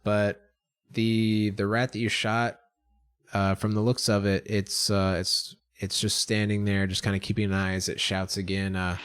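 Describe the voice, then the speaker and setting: A young man narrating a tabletop game as game master, relaxed and hesitant, with many fillers. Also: on the low side, moderate pace, smooth, dry recording, studio quality.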